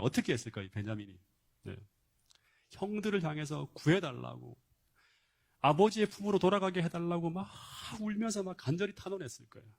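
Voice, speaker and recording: A man's voice: fairly high pitch, a little mellow. A male pastor giving a sermon, retelling a Bible story emphatically with rhetorical questions and frequent interjections of "yes".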